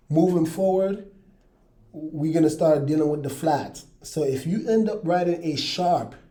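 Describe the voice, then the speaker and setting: A man teaching a casual online music lesson in a relaxed way, often checking in with his viewers. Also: on the high side. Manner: relaxed, checks in with "all right, you guys".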